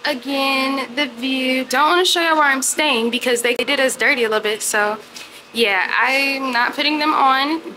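Holding her phone camera at arm's length, a young adult travel vlogger casually addresses her viewers from a hotel room and balcony at night, outdoors beside a city street. Her high voice is chatty and animated at a normal speed, with background noise audible.

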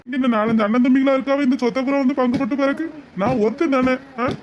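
An aggrieved young cartoon husband, who piles up rhetorical questions. His voice sits very high and he talks fast. The audio is dull and lo-fi. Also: fairly even intonation, a little hiss or hum. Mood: indignant. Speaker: cartoon voice actor. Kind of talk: cartoon voice acting.

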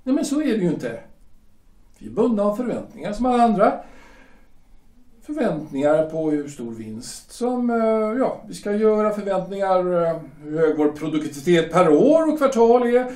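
In an audio drama, an actor with a high-pitched, very animated, slightly mellow voice plays a stern male shipyard director. He lectures formally with hesitant fillers, recorded far from the mic with a roomy echo.

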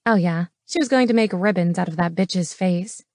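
A woman reading an audiobook as its narrator, steady and matter-of-fact. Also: on the low side, moderate pace, dry recording. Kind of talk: scripted narration. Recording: dry studio voice.

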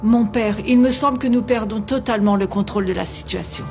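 A woman's voice: medium pitch, brisk, gravelly, darkish tone, soft background music, natural voice. An actress dubbing an evasive, soothing mother superior in a French-dubbed telenovela.

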